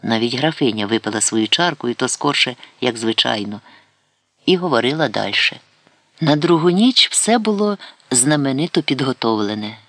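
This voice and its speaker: Male audiobook narrator, steady and measured, gravelly, dry close recording. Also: mid-range voice, no room sound. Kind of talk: scripted narration.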